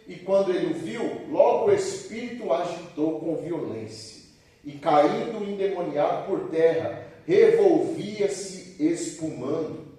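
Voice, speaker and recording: A man preaching at a church service, reading scripture aloud and explaining it, acting out the quoted speech. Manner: animated, acts out quoted speech with sudden pitch jumps. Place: church hall. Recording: very echoey church hall, voice far from the mic.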